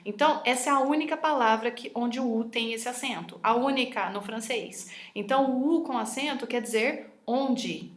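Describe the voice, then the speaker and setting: Chatty lady teacher, kinda high voice, echoey room. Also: normal speed, few pauses. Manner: chatty and enthusiastic, often ends with "tá?". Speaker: French teacher. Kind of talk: online lesson over slides.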